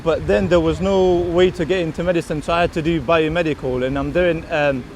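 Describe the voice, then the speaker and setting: A young male student answering interview questions hesitantly, with many pauses. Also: a little high, steady tone, darkish tone, a little hiss or hum. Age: young adult. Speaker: university student. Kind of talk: casual interview.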